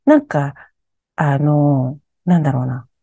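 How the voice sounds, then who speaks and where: A woman's voice: low-pitched, measured pace, vocal fry, dark tone, no room sound, studio quality. A woman telling her own strange, eerie experiences in conversation, animatedly acting out her startled reactions.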